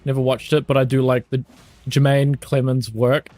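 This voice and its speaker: A young New Zealand man chats casually with his viewers, keeping it loose and jokey, swearing freely and laughing often. His voice is mid-range and darkish, with a flat delivery at normal speed.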